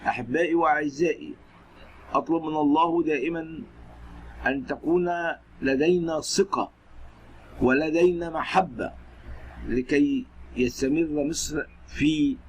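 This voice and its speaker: A man's voice: on the high side, moderate pace, pauses often, poor audio. A man with an Egyptian accent narrating scripted news reports and commentary. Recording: steady background noise.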